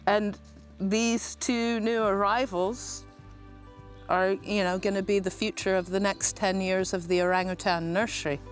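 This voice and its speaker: A woman who works at an animal park, speaking informally and a little haltingly in a documentary interview. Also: mid-range voice, fairly even intonation, faint music behind. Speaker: animal park staff leader.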